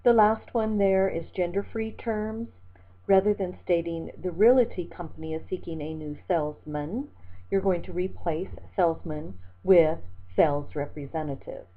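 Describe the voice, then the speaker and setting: Measured woman teaching over tinny audio. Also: lowish voice. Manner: measured, methodical, reading out word lists. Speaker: instructor. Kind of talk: recorded lecture over slides. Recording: tinny phone-like lecture recording.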